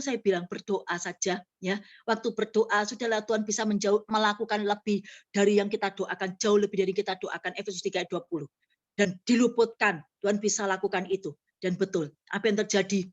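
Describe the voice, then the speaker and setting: A woman's voice: medium pitch, steady tone, brisk, lo-fi sound. A middle-aged woman preaching a sermon, telling testimonies and acting out the dialogue in them, then building into emphatic exhortation. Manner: storytelling, acts out dialogue, rising emphatic exhortation.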